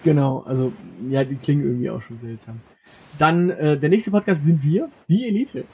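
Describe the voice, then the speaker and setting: A podcast co-host trades casual banter, reading items off a list and cracking jokes along the way. His voice sits on the high side, husky and somewhat dark, at a normal speed. The recording is muffled and lo-fi, with background noise.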